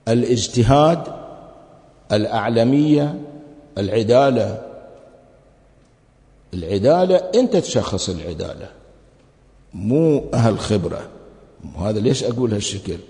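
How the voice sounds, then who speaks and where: Male religious lecturer with a gravelly, mellow voice and an argumentative streak full of rhetorical questions. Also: medium pitch, lively intonation, normal speed, long pauses. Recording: long hall reverb.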